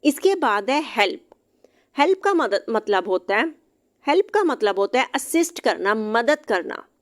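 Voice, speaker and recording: A woman teaching English vocabulary, reading each English example slowly and then explaining it briskly, sometimes spelling words out letter by letter. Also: a little high, sing-song. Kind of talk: vocabulary lesson explained in Hindi-Urdu.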